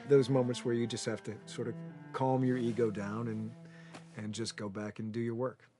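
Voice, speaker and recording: A man speaking thoughtfully in an interview, measured and a little halting. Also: mid-range voice, flat delivery, over music. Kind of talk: interview commentary.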